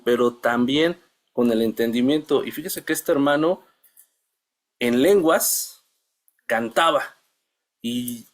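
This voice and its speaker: A middle-aged man shares a testimony with his church Bible class. His voice sits at an ordinary mid pitch. He speaks earnestly and haltingly, restarting his sentences and calling his listeners brothers.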